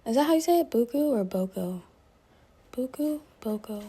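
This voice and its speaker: A young adult woman telling a story to her viewers in a casual, animated vlog, laughing often and filling her speech with "like". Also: a little high, fast, slightly rough. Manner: animated, chatty, laughs often, heavy use of "like". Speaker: vlogger.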